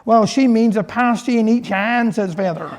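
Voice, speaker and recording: A man's voice: sits high, moderate pace. A man with a Cornish West Country accent telling a folksy dialect story, slipping into dialogue as he narrates. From Cornwall, England.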